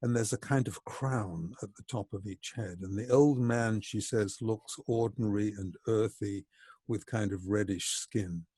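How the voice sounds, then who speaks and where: A man giving a reflective psychology lecture, measured and explanatory, slowing down to stress key points. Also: on the low side, warm tone, husky, no echo.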